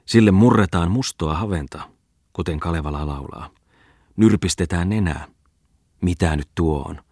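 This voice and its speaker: A man's voice: low-pitched, darkish tone, dry recording, clean studio sound. A man voicing a gleeful, mocking male schoolmaster who lectures a crowd in a raised, sneering tone, read from a storybook. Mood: preachy. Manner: sneering, preachy speechmaking.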